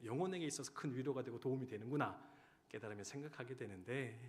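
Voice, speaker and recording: A man in his thirties, a pastor giving a sermon, who tells stories and swings between loud urging and hushed, quiet lines. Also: mid-range voice, quick pace. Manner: storytelling, swinging from loud exhortation to hushed tones. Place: church sanctuary. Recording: church hall reverb.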